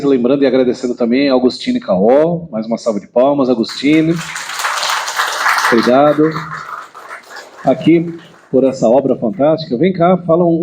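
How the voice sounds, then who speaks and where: Mellow Brazilian man hosting an event. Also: medium pitch, low-quality recording. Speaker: event host. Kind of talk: informal event announcing. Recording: faint background noise and room ambience.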